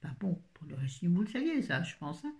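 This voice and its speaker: Chatty woman in her fifties with a gravelly voice. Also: lowish voice, sing-song, fairly quick, background noise. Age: 50s. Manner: chatty, rambling, self-mocking asides. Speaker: vlogger. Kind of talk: casual grocery haul chat.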